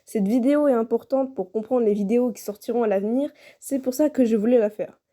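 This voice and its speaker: A woman's voice: a little high, fairly quick, dark tone. A young woman narrating a personal scripted video in French as its creator.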